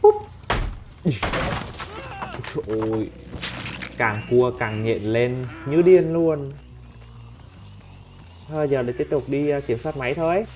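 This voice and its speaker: Man, unhurried delivery, reacts loudly to the game, clear game music behind. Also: mid-range voice. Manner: excitable, talks and swears at on-screen opponents. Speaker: gameplay commentator. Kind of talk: let's play commentary. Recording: game music playing under the voice. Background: game music and sound effects.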